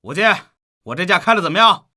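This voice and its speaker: An actor playing a swaggering village tough who makes cocky demands for ransom. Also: male voice, sits high, very animated, quick pace, background noise.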